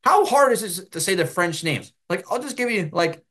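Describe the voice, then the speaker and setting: An American man hosting his own sports show, giving solo commentary and ranting in an animated way. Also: sits high, moderate pace.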